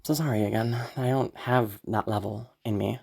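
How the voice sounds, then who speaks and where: This audio creator's mid-pitched voice is gravelly, darkish and slightly rough, with a tired, sore throat from being sick. They talk to listeners informally at normal speed with fairly even intonation. The delivery rambles and hesitates, anxious and apologetic, with casual swearing mixed in.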